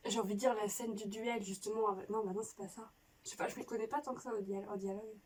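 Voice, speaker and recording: A woman's voice: mid-range voice, steady tone, fast. A woman YouTuber chatting casually as she plays a quiz game, rambling and restarting her sentences. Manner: chatty, rambling, self-justifying with frequent restarts. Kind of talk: casual reaction chat. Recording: voice a bit distant from mic with faint noise.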